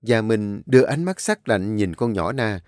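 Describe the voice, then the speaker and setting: Expressive storyteller. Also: male voice, on the low side, moderate pace, no room sound, clean studio sound. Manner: expressive, dramatic reading. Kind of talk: audiobook narration.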